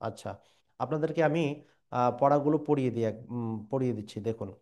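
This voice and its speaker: A man teaching a Quran reading lesson, drilling syllables slowly with pauses and fillers. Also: medium pitch, dark tone. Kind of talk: recitation lesson.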